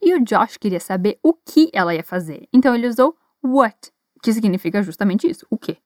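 A woman with a Brazilian Portuguese accent teaches English in a mid-range, darkish voice with lively intonation. She says model phrases slowly and carefully, has the learners repeat after her, and encourages them. The recording is dry and clean, studio quality.

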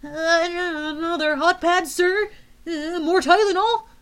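A woman voicing a jumpy, fearful male guard who stammers in a high voice. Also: steady tone, takes it slowly. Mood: nervous.

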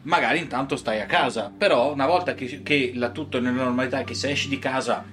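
A man's voice: mid-range voice, fast talker, fairly bright tone, soft background music. A man co-hosting a casual podcast, arguing with everyday examples and mock quotes. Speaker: podcast co-host.

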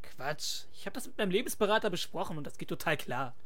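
A woman's voice: fairly low pitch, expressive, fast, a bit bright. A woman voicing a whiny, lazy, rude man in a comedy dub parody, who is bossy and petulant.

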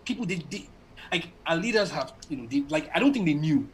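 A man's voice: fairly high pitch, expressive, a little fast, slightly rough. Emphatic young man. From Nigeria. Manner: emphatic, rhetorical, keeps checking in. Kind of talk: casual podcast conversation.

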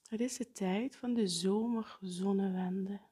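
A woman guiding a breathing meditation in a soft, partly whispered, unhurried way. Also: mid-range voice, steady tone, slightly rough. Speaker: meditation guide.

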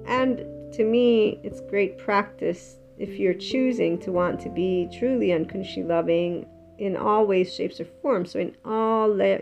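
Gravelly woman musing on emotions. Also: mid-range voice. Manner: earnest, rambling, conversational. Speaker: self-help speaker. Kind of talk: reflective solo talk on emotions. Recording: slightly muffled with soft guitar music.

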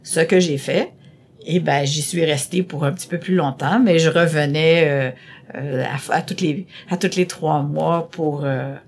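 A woman's voice: sits low, fairly even intonation, measured pace, husky. A middle-aged woman with a Québécois French accent answering interview questions in a chatty, rambling way, with many hesitations and repeated words. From Quebec. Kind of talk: casual conversational interview.

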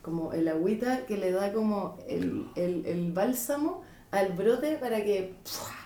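A woman's voice: medium pitch, unhurried, warm tone, far from the mic. Reflective Chilean woman in an echoey room. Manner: reflective, searching for words. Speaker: podcast guest. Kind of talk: casual chat.

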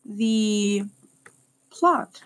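A woman's voice: mid-range voice, animated, extremely slow, smooth. A woman hosting a casual movie podcast, leading the talk, reading out ratings and laughing often. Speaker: podcast host. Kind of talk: casual chat about a movie.

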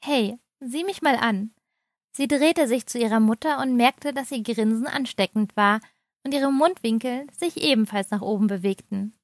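A woman reading a story aloud, giving the characters lively voices of their own. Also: a little high, normal speed, dry recording, studio quality. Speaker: narrator.

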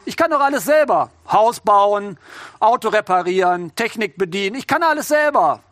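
A man puts on the voice of pride: a smug, self-satisfied know-it-all bragging that he can do everything himself. His voice sits high and mocking, with little room around it. It talks down to the listener with boastful scorn. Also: animated, moderate pace, a bit bright, no echo.

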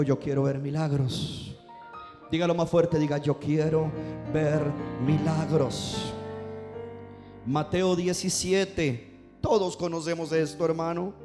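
A man's voice: fairly high pitch, a little mellow. A male pastor preaching a sermon, leading the congregation to repeat after him and stretching key words for emphasis. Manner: preaching with call-and-response to the congregation.

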